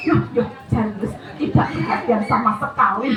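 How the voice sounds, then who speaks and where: A woman with a Javanese accent giving a chatty, animated parenting talk to parents, dropping into Javanese phrases. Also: a little high, moderate pace, loud music behind the voice. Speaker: parenting seminar speaker. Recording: echoey hall, distant mic, noisy.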